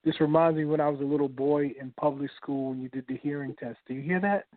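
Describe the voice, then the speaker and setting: A man's voice: fairly high pitch, steady tone, quick pace, no echo. A man calling in over a thin phone line, repeating himself as he checks what he can hear. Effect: thin phone-line sound. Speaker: caller testing a phone connection. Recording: tinny dry phone line.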